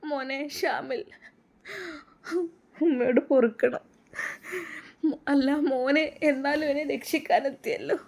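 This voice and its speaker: A woman's voice: high-pitched, fairly even intonation, measured pace, vocal fry, pauses often. A woman voicing a meek tearful older woman. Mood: humble. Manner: soft, hesitant, pleading.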